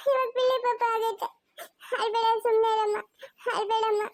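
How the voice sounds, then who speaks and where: A woman's voice: very high voice, little pitch movement, moderate pace, voice pushed up. A woman voicing a small boy who soothes his crying mother and keeps begging her not to cry. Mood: pleading. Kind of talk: family drama acting.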